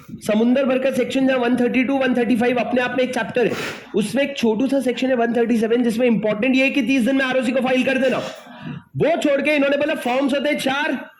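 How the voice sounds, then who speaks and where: A man's voice: sits high, a little mellow, slight background noise. A male teacher giving an exam-prep lecture, mixing Hindi and English, who keeps quizzing his students and then answering himself.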